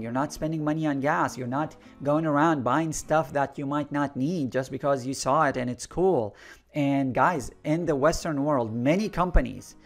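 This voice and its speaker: A man born and raised in Iraq, hosting his own channel as an energy intuitive. He gives an earnest spiritual monologue, repeats key phrases and calls his listeners "guys.". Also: a little high. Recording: faint guitar music underneath.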